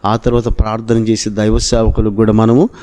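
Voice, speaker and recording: A man's voice: fairly low pitch, completely flat delivery, a little fast, dark tone. A man preaching a sermon with a Telugu accent, retelling a Bible story in an earnest way that rises to emphatic exclamations.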